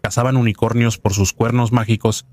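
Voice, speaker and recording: A man giving scripted documentary narration in a measured, even storytelling delivery, recorded close as a voice-over. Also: mid-range voice, no echo.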